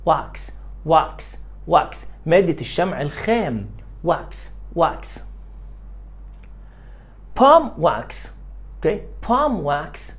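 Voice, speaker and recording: A man with an Egyptian accent explaining an English lesson to children, drilling each word by slow repetition and cheering his pupils on. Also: a little high. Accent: Egyptian Arabic. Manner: drills words by repeating them slowly and encouraging pupils. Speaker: English teacher.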